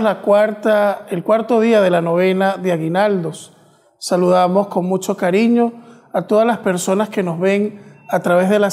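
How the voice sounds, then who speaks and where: A man, a priest, celebrating Mass with a solemn, measured liturgical delivery, his voice ringing with the long echo of a chapel. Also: high-pitched, darkish tone. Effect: long echoing reverb of a chapel. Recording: chapel reverb, broadcast Mass.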